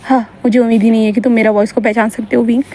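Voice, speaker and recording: A woman's voice: fairly high pitch, flat delivery, rapid-fire, dark tone, a little hiss or hum, close to an everyday voice. A woman doing a stern, curt male teacher. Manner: curt, commanding.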